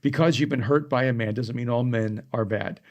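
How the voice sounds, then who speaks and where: Brief: middle-aged man from El Salvador, earnest storyteller, podcast co-host, mid-pitched voice. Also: a little fast. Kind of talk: casual conversation.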